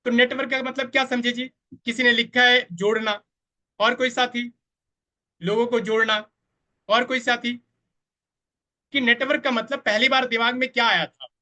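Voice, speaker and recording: A man with a high voice leads an online training session. His tone is bright and sharp, and he speaks straight to his viewers, often stopping to ask them to reply in the chat. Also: little pitch movement, normal speed, long pauses. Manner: addresses the audience directly, asks for chat replies; quotes others in a voice of their own. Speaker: network marketing trainer. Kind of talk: live online training presentation.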